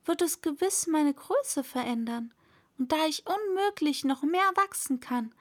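A woman's voice: high voice, lively intonation, a little slow, pitched above the performer's own voice. A woman doing a curious young girl. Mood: earnest. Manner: talking to herself, earnest. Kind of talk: storybook reading.

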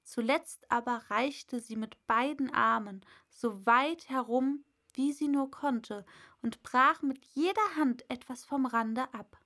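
A woman reading a storybook aloud in a calm, measured way. Her voice sits a little high and she takes her time over every sentence. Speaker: audiobook narrator. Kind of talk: scripted storybook narration.

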